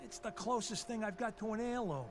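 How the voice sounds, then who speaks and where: An actor playing a gruff, earnest older farmer father in a video game, warning bluntly. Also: high voice, brisk, background noise. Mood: urgent. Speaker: game character.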